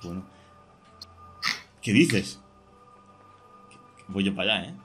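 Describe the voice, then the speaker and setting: A young man, hosting casual co-op gameplay chat, excitable and jokey, talking through every move. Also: low voice, slow, a little hiss or hum. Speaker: gaming podcast host.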